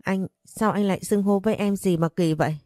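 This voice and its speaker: A woman's voice: medium pitch, steady tone, a little fast, mellow, no room sound, studio quality, faint music behind, lightly acted. A woman voicing a betrayed young wife in an audio story, speaking in anguish. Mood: bewildered. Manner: anguished, pleading.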